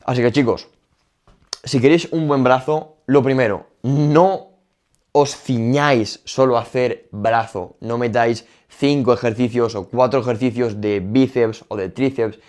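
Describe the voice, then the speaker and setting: A young fitness YouTuber with a Spain Spanish accent gives casual, emphatic gym advice, repeating his points directly. His mid-range voice is unhurried and a little mellow.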